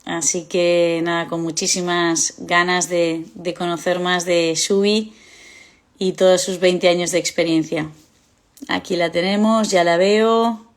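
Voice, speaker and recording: A woman's voice: fairly low pitch, steady tone, moderate pace. Woman hosting an interview. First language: Spanish. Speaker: interview host. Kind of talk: live online interview, casual. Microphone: video call.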